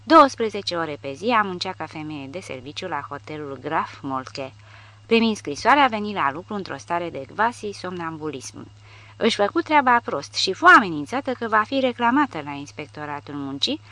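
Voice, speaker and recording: A woman reading a war novel aloud in steady, measured scripted narration. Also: fairly low pitch, no echo. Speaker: audiobook narrator.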